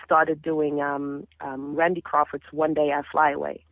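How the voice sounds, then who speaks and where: Her delivery is flat and a little slow, her pitch low, with no room sound: a woman in her thirties, a singer from the Caribbean with Papiamento as her first language. She's a phone-line interview guest in casual chat, telling stories animatedly and restarting a lot.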